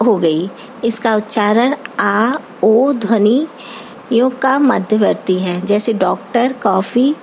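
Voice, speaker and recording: Indian lady teacher reading out a grammar lesson really slow, bit of hiss behind. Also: a little high, a little mellow, low-quality recording. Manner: slow, careful dictation-like explaining. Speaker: school teacher.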